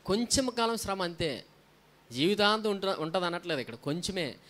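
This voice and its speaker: A man's voice: high voice, animated, moderate pace, a bit bright. A man preaching a sermon as a pastor, often asking the congregation questions and answering them himself, with frequent hallelujahs. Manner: frequent hallelujahs between points.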